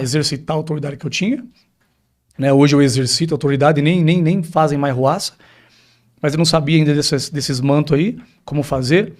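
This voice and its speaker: A pastor shares his personal testimony during a podcast interview, speaking emphatically and frequently addressing the host directly. His voice sits on the high side.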